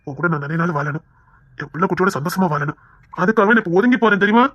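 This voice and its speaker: A woman's voice: on the low side, animated, racing, dry recording. A woman voicing a young husband, a reformed brawler, coaxing and pleading with his wife in an audio drama. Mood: earnest pleading. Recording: dull dry lo-fi recording.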